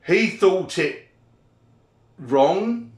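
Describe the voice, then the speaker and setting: A man's voice: sits high, animated, extremely slow. A middle-aged British man giving a blunt, sweary opinion monologue in a grumpy old man's grumbling manner. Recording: echoey room.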